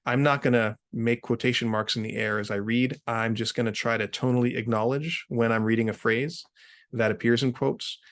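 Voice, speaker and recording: A man with a mid-range voice, steady tone, and moderate pace introduces his own short story and then reads it as its author for a remote video reading series. He starts with an informal spoken introduction before moving into a literary-style reading.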